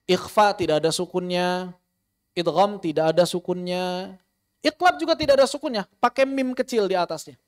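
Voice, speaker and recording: Man, high voice, tajweed teacher who repeats terms and demonstrates recitation. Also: normal speed. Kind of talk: online tajweed lesson.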